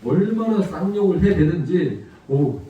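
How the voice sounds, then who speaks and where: High-voiced man preaching in an echoey church. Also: lively intonation, brisk, lo-fi sound. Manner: storytelling, asks the congregation rhetorical questions. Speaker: missionary guest preacher. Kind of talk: sermon. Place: church sanctuary. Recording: echoey church hall from far off.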